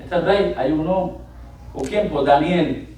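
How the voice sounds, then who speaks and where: Man preaching a sermon, animated delivery with loud bursts, somewhat high voice, church hall with heavy echo, mic set far off, faint room noise. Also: takes it slowly. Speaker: pastor. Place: church sanctuary. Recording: echoey church hall miked from afar.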